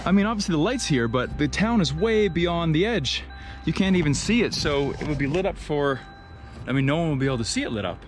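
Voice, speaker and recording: An excited man with a somewhat high voice talks to his camera as he explores a ruin. He keeps urging the viewer to look and wonders aloud at each find. He sounds a little out of breath, recorded outdoors on a camera mic. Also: a little fast, soft background music. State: slightly out of breath. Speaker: adventure vlogger. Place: outdoors at a hilltop castle ruin.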